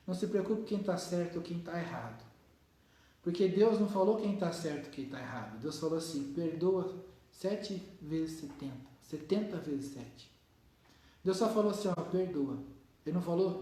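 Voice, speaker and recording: A middle-aged man with a Brazilian Portuguese accent preaches earnestly in simple words, pausing between phrases. His voice sits slightly high. It reaches the mic from a distance through a heavily reverberant church hall. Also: a little mellow. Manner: earnest, plain-spoken preaching with pauses. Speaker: pastor. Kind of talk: sermon. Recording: very echoey, from a distance.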